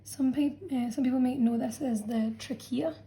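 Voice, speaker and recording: Over a drawn diagram, a woman science teacher talks her students through revision, patient and explanatory, stopping often to check in. She sounds a little high yet mellow and warm, keeps a steady tone, and comes across as friendly and classroom-like despite the poor audio.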